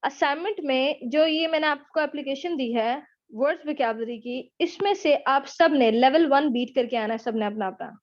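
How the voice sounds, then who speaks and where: A woman with a high voice and a Pakistani accent teaches a live online English lesson at a normal pace and answers questions. Chatty, she teases and encourages her students, dropping English phrases into her Urdu. The sound is dull and lo-fi, typical of a web session.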